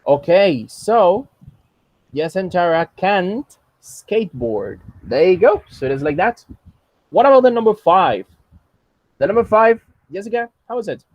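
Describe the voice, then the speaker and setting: A man's voice: sits high, expressive, a little slow, a little mellow, no echo, dull audio. A man teaching English over a video call, patient and joking, switching between English and Spanish. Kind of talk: online class, bilingual teaching. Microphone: computer mic on a video call.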